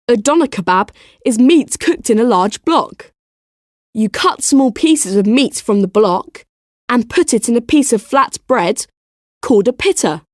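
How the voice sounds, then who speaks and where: Friendly young boy read by a lady, higher voice, clear careful reading, dry sound. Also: no room sound. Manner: clear, careful textbook delivery. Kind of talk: scripted reading for learners.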